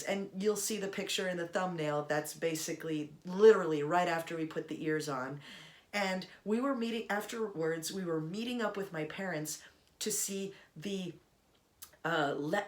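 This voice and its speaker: Young woman, vlogger, chatty rambling storytelling, sarcastic asides. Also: on the low side. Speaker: Disney vlogger. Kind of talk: casual storytelling to camera.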